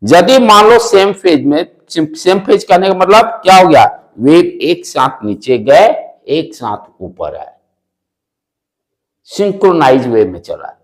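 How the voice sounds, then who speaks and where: Taking his time, a loud man with an Indian accent teaches physics in a fairly high voice full of big pitch swings. He asks questions, repeats key phrases and weaves English into the lecture.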